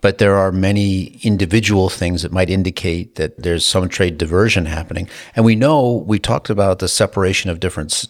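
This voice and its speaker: A man's voice: low voice, gravelly. A man co-hosting a casual podcast, explaining global trade and food prices with dry humor. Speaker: co-host discussing economics.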